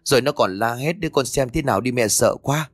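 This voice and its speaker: A man's voice: medium pitch, a little fast, no echo, natural voice. A man doing a fretful superstitious old mother-in-law. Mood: frantic. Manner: fretful, knowing folksy talk. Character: older village mother-in-law, anxious, superstitious.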